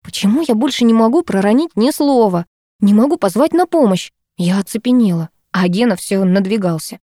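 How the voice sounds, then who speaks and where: A woman narrating a first-person novel aloud on a close mic, in a steady, absorbed storytelling manner. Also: mid-range voice, brisk, no echo. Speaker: audiobook narrator.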